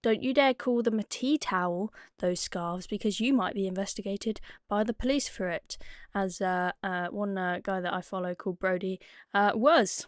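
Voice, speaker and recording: An online political commentator, a woman, talks over video clips in a sarcastic tone, hesitating often with "uh" and "um." Her voice is mid-range at a normal speed, with slight background noise.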